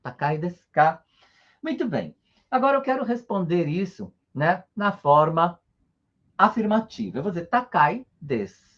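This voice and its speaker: A husky-voiced man, teaching with a lively, animated rise and fall in his pitch. He is patient and checks in often with short tags. The recording sounds dull and lo-fi. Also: a little slow. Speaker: Japanese teacher. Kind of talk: online language lesson.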